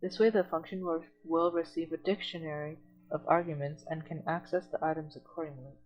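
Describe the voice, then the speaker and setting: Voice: medium pitch, steady tone, brisk, a little mellow, soft background music, poor audio. A tutor in an online coding lesson who reads documentation aloud and then explains it plainly, step by step.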